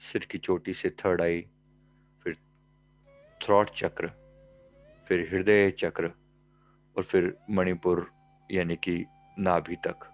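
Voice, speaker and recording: A meditation teacher and life coach with a low-pitched voice guides a meditation through calm, measured instructions in short phrases separated by pauses. He speaks very slowly, the recording sounds slightly dull, and faint music plays behind him.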